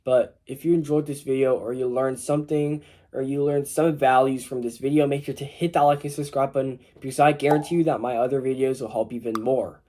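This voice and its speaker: A late-teen young man with a mild cold gives his viewers casual, rambling self-improvement advice in a to-camera vlog. His voice is medium-pitched and mellow with fairly even intonation, and he talks fairly quickly with hardly any pauses. The style is informal and loose, full of "you know."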